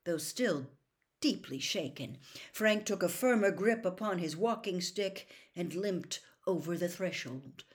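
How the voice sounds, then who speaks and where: A woman's voice: fairly low pitch, animated, a little slow. A woman reading a novel aloud as a storyteller, dramatic and dropping to a whisper for suspense.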